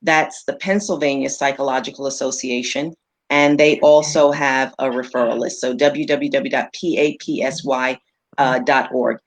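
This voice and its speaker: A woman's voice: extremely low pitch, steady tone, normal speed. A woman psychologist speaking as a panel guest over a video call, in a practical, matter-of-fact way. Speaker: psychologist and therapist. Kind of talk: casual panel talk on a live webinar.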